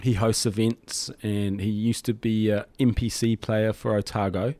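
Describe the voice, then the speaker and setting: A man's voice: on the low side, level tone, a little slow, a little mellow, dry recording. A middle-aged man speaks with a broad New Zealand accent. He chats casually as an interview guest, with loose, rambling phrasing. The sound is dry, with no room around the voice. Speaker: hip-hop DJ and MC, interview guest. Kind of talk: casual studio interview chat. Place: studio.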